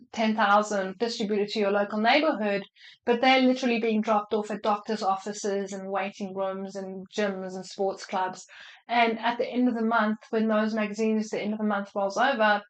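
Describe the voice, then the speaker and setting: A mid-pitched woman, a marketing expert slightly unwell with the flu, answers audience questions in a casual live Q&A over a video call. Her advice is loose and chatty, full of fillers and restarts, and the audio is poor.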